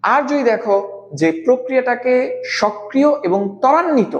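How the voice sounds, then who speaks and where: A man teaching a live online biology class, speaking slowly and deliberately, repeating key terms and quizzing his students. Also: very high-pitched, lively intonation, dull audio.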